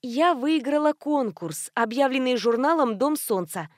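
A woman reading her first-person heroine's lines in an animated, exclaiming way. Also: high-pitched, unhurried, dry recording, clean studio sound. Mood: explaining.

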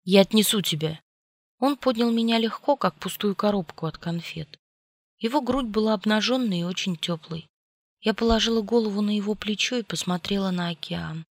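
A woman's voice: medium pitch, fairly quick, no room sound. A woman narrating a story in the first person, in an intimate storytelling manner. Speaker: audiobook reader. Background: faint music.

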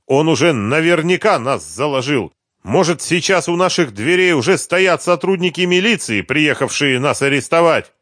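A man reading an audiobook, voicing a vicious, panicking crooked boss who snaps, curses and yells. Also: a little high, animated, moderate pace, dry recording, studio quality, voice pushed up. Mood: snarling. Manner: snapping, cursing, yelling.

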